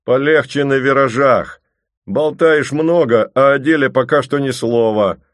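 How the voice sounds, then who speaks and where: A man's voice: on the low side, a little slow, darkish tone, no echo. Guy voicing a blunt hot-headed dude, short clipped lines, dry sound. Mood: irritated. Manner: blunt, brusque. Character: gruff practical young man, quick-tempered.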